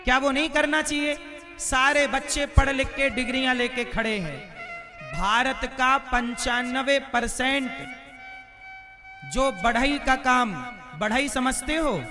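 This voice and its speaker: Speaking slowly in an extremely high voice with fairly even intonation, a man preaches devotionally to a live audience and fires rhetorical questions at them. He's a religious storyteller, backed by instrumental devotional music at the gathering.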